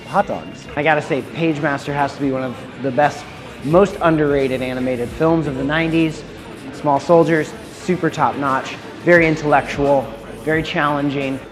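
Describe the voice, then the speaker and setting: A man in his thirties hosting a casual food vlog, chatty and enthusiastic as he describes dishes and restaurants. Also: a little high. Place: restaurant patios and city streets. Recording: music playing behind.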